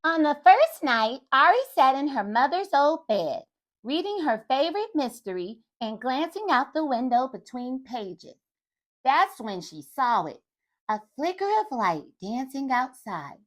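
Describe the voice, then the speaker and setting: Animated high-voiced woman reading to kids. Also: a little slow. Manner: animated, talks to young listeners. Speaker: children's storyteller. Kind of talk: read-aloud for young children.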